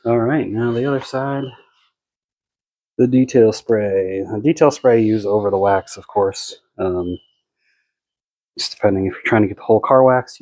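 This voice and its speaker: American guy doing a casual product demo, lowish raspy voice, low-key, kinda thinking out loud while he works. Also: no room sound, rough recording. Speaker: car care product reviewer. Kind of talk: casual unscripted product demonstration.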